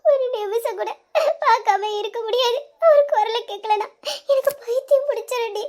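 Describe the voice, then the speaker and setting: In a dramatized audio story, a woman voices a lovesick young woman pleading with her younger sister, her voice extremely high and darkish at a moderate pace. She sobs, pleads, and breaks into tearful laughs, sounding tearful and full of longing.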